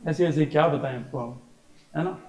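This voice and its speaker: A man's voice: on the high side, moderate pace, a little mellow. A male science teacher giving a classroom lecture, chatty and teasing, breaking into stories and imitations of his family. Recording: echoey classroom.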